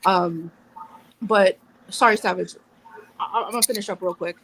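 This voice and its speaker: Crowd noise fills a rough recording of a woman in her thirties, a guest on a casual live panel. Her mid-range voice moves at a moderate pace with fairly even intonation. She talks bluntly, curses, interrupts herself, and over-explains.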